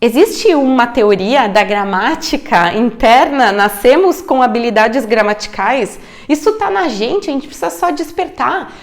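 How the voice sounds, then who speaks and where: A woman whose first language is Portuguese teaches English grammar on video. Her voice sits high and moves a lot between notes, and she takes her time. She tosses in English check-ins between explanations and draws out the example words. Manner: lively, frequent English check-ins like ok and alright; drawn-out, slowed model pronunciations.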